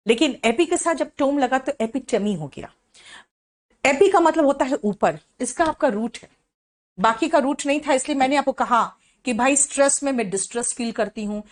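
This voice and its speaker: Middle-aged Indian woman, English teacher, slightly high voice, talkative classroom delivery with constant student check-ins. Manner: explains in chatty Hindi, mixing in English phrases, with frequent "है ना?" check-ins; reads English definitions slowly and deliberately. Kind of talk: classroom vocabulary lesson.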